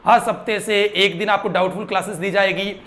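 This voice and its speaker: A man's voice: high-pitched, steady tone, a little fast, fairly bright tone. A young man teaching a grammar lesson, asking his students questions and drilling the answers.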